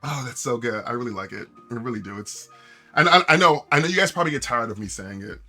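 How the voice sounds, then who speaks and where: A man's voice: mid-range voice, quick pace, soft background music. A man streaming live, chatting casually to viewers and telling a story with lots of restarts and acted-out quotes. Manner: animated storyteller with many restarts and quoted voices.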